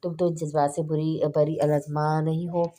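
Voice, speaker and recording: Brief: a woman doing a blunt young woman who scolds and teases her friend, low dark voice. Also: flat delivery, normal speed, lightly acted. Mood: teasing. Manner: scolding, then teasing.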